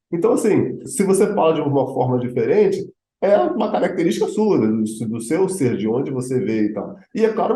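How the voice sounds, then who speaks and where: A man hosting a casual conversation, explaining things in a loose, relaxed way full of filler words. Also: a little high, reverberant, poor audio. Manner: relaxed, lots of fillers like tipo and né. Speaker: host.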